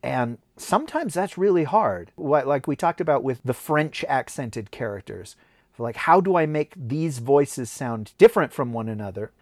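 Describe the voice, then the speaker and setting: American narrator, animated storytelling, pitch swinging high and low, casual podcast. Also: normal speed. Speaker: audiobook narrator.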